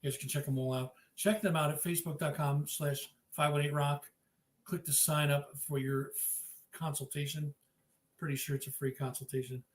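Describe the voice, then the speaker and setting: A man hosting a live-streamed interview, upbeat and chatty, giving shout-outs to viewers. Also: on the high side, flat delivery, normal speed. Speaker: podcast host. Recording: echoey room with faint noise.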